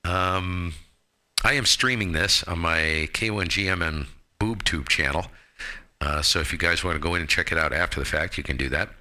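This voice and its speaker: In a casual amateur radio chat, a deep-voiced American man sounds very bright and forceful. Moving at a moderate pace, he plays the breezy, salty ham radio host and drops slang as he talks.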